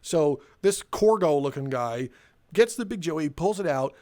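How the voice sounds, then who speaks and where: A man's voice: on the high side, animated, a little slow, mellow. A young man telling rambling, sardonic stories in a casual way while playing a game, swearing and laughing between them. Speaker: gaming video creator.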